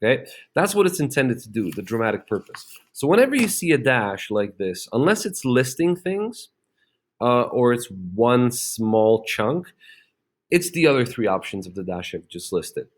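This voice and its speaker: A man's voice: mid-range voice, big pitch swings, normal speed. A man teaching a grammar lesson, explaining step by step with frequent "okay?" checks and fillers. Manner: plenty of fillers and restarts.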